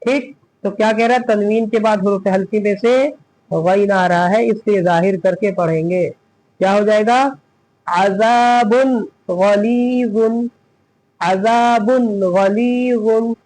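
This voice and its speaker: A man's voice: sits high, steady tone, normal speed, a little mellow, poor audio. A man teaching Quran reading, spelling out letters step by step and asking and answering his own questions. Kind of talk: step-by-step recitation lesson.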